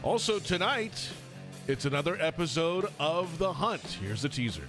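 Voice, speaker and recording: A man's voice: a little high, animated, normal speed, music in the background. A man hosting a sports radio show in a casual conversational style.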